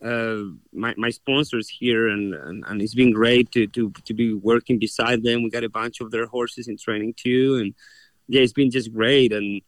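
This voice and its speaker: An earnest young horse trainer from Chile, speaking with a Chilean Spanish accent, responds to an interviewer and often restarts his sentences. His mid-range voice keeps a fairly even intonation at a moderate pace, with no echo.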